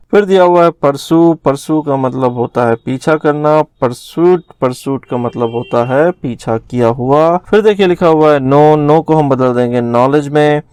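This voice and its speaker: A young man teaching grammar in a recorded lesson, slowly spelling out words letter by letter. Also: a little high, a little mellow, clean tone, no echo, studio quality.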